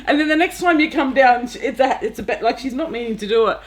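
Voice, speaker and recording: A woman's voice: a little high, fast talker. Chatty woman telling office stories. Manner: laughs often while telling anecdotes. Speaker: podcast co-host. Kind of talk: casual chat.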